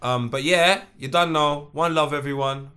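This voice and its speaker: Male podcast host, London roadman accent and slang, higher-pitched bright voice, informal chat. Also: normal speed, clean tone. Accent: London roadman, urban British slang.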